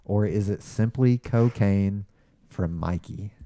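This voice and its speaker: This man co-hosts a casual podcast, speaking slowly in a lowish, mellow voice with no echo. His remarks are dry and wry, and part of the talk is him reading a listener email aloud.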